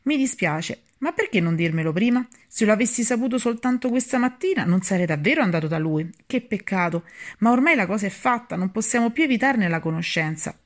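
A woman's voice: mid-range voice, lively intonation, a little fast, voice pushed up, natural voice. Woman reading a wry teasing father. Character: dry ironic middle-aged father, teasing.

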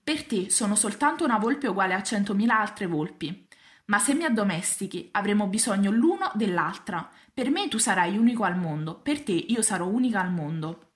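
A woman's voice: mid-range voice, animated, a little fast, lightly acted. A woman voicing a wistful, lonely and wise female fox, talking earnestly in a storybook reading. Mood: curious. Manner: earnest, pleading, reflective.

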